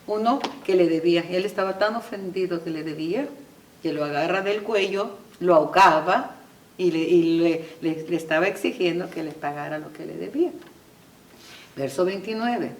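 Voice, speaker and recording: A woman preaching a sermon with passion, swelling to loud emphatic peaks and slipping English phrases into her talk. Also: fairly low pitch, moderate pace, a little hiss or hum. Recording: echoey room, voice from far off.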